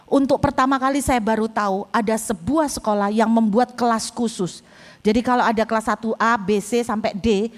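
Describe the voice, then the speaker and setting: A woman pastor, preaching through a lively story that she acts out loudly. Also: on the high side, long reverb tail. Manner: lively storyteller, swings into loud acted-out scenes. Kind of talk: sermon with storytelling.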